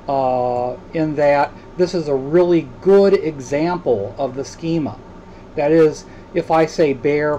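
A man's voice: fairly high pitch, warm tone, slight background noise, rough recording. A man lecturing, explaining ideas step by step with frequent hesitant filler sounds and restarts. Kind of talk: recorded lecture.

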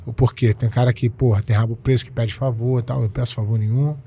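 A man's voice: mid-range voice, steady tone, quick pace, warm tone, breathy edge. A Brazilian man in his forties, a jiu-jitsu coach telling stories in a casual interview, emphatic and repeating his points with slangy speech. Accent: Brazilian Portuguese.

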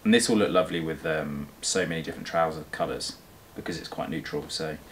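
Low-voiced man chatting casually. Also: quick pace, a little hiss or hum. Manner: relaxed and conversational. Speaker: vlogger host. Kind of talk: casual chat.

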